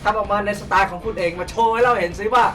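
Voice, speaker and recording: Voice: medium pitch, very fast, recorded from a distance. A host doing playful, exclamatory commentary on a food challenge, in a theatrical way. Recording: loud music behind the voice. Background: music.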